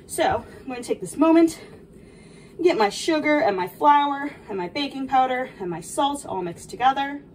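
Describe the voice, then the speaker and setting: A woman's voice: sits high, animated, normal speed, darkish tone. A young woman playing a sweet, cheerful video game princess, explaining baking in a dainty, encouraging, instructive way. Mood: gentle, instructive. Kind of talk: in-character cooking tutorial. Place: small home kitchen, indoors. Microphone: camera a few feet away. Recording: distant mic, noticeable background noise.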